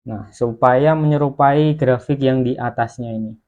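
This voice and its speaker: Man calmly walking through an editing tutorial. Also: mid-range voice, muffled recording. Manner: slow, step-by-step explaining while working. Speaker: online course instructor. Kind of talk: screen-recorded video editing tutorial.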